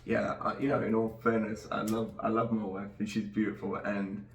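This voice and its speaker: This middle-aged Nigerian podcast host talks casually and earnestly, wandering and restarting often. His lowish voice stays flat at a moderate pace, and the recording is roomy and distant with a little hiss or hum.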